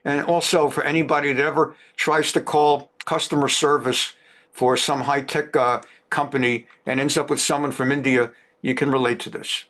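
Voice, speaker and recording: A man's voice: medium pitch, flat delivery, normal speed, fairly bright tone. A man teaching a lecture on current events who talks emphatically and repeats phrases for stress. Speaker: religious teacher.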